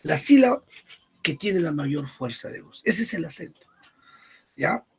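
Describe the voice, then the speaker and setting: Man, teacher, husky voice, repeats key points, checks understanding, fairly high pitch. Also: big pitch swings, measured pace. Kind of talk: spoken language lesson.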